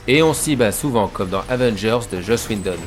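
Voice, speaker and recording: A man's voice: on the low side, lively intonation, brisk, slight background noise. A man hosting a film analysis show, narrating a scripted video essay in an informal way that addresses viewers directly. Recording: voice-over with music behind.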